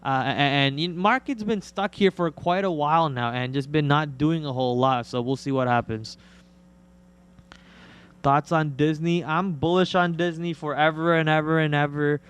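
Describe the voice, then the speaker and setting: A man's voice: a little high, normal speed, smooth. A man hosting a live trading stream, giving casual, slangy market commentary and answering viewer questions informally.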